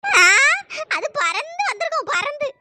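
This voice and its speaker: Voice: extremely high pitch, very animated, unhurried, bright, forceful tone, a little hiss or hum, full character voice. An actress voicing a bossy, scolding village auntie in a cartoon. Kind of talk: cartoon voice acting.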